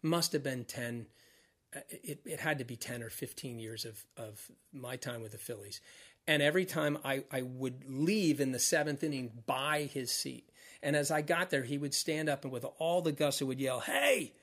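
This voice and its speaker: Middle aged guy on a podcast, laughs a lot, gets animated telling old stories. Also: mid-range voice, moderate pace. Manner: animated storyteller, laughs often, restarts words. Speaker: podcast guest, former team mascot performer. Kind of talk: casual interview chat.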